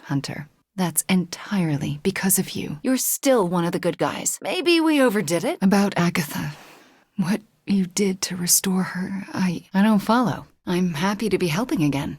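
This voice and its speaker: A powerful young witch superheroine from a video game, haunted by guilt and guarded yet tender. Her voice is on the low side, breathy and husky, with measured, intimate phrasing that often sinks toward a whisper. The sound is close and very dry. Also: no echo. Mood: somber, hushed. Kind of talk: video game character voice lines.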